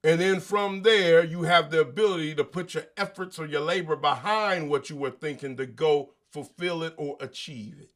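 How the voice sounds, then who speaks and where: A man's voice: a little high, normal speed, few pauses, fairly bright tone. A man hosting a show, delivering an emphatic, preachy motivational monologue in casual slang, full of rhetorical questions. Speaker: show host.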